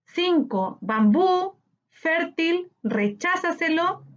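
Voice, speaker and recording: A woman teacher with a Chilean Spanish accent, slowly explaining a grammar lesson to children and stretching words out syllable by syllable. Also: extremely high pitch, lively intonation. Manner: slow, clear, syllable-by-syllable teaching delivery. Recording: slightly dull lo-fi audio.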